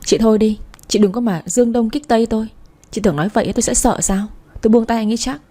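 Storybook figure: scornful young sister, pitched high and sharp-tongued, put on by a woman narrator, mellow tone underneath. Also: fast, lightly acted. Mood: defiant. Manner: shrill, scornful, taunting.

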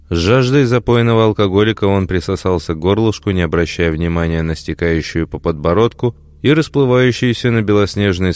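A man narrating a fantasy audiobook in first person, with steady, dramatic storytelling. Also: low-pitched, no echo.

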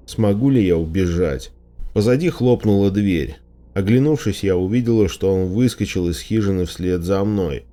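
Low mellow male audiobook narrator. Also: normal speed. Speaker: audiobook reader. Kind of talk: first-person audiobook narration.

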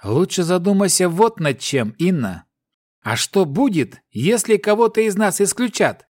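A man's voice: high voice, sing-song, a little slow, no echo, pitched above the performer's own voice, heavily acted. Male narrator voicing a reasonable young team mediator, earnest and dry. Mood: persuasive. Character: young man, calm, reasonable team peacemaker.

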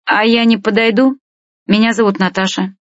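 A woman's voice: mid-range voice, little pitch movement, moderate pace, no room sound, voice pushed up, lightly acted. A woman voicing a tipsy, mocking middle-aged woman with a threatening manner, in a dry, dull audiobook recording.

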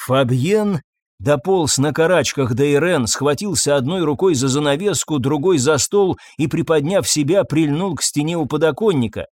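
A man narrating an audiobook in an expressive, dramatic reading style. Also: a little high, moderate pace, dry recording, clean studio sound.

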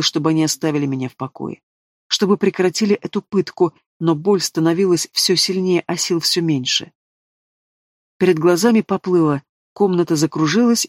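A man reading a fantasy novel aloud in a steady, expressive narration. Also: on the high side, dry recording, clean studio sound. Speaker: audiobook reader.

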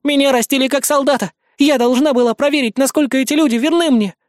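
Male reader as hysterical immortal goddess, high-pitched, shouting, dry close read. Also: fairly quick, dry recording. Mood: outraged. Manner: shrill, shouting, indignant. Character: hysterical immortal goddess, proud female warrior. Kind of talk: audiobook character voice.

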